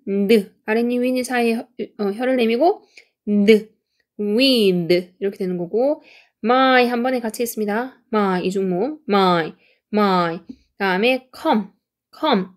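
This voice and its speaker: A woman with a voice on the high side teaches an English lesson in Korean, patiently explaining pronunciation and slowly repeating example sentences.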